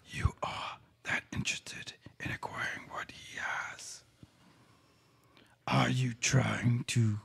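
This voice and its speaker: A man voicing an ancient male dark power in whispered role-play, quiet and gravelly, slow and ominous. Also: extremely low pitch, pitched below the performer's own voice, full character voice. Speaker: game master.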